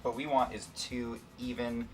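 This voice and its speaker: A man's voice: medium pitch, flat delivery, a little slow, distant mic, faint music behind. An American man hosting a casual science demonstration in a campy, informal way. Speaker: host, chemist presenter.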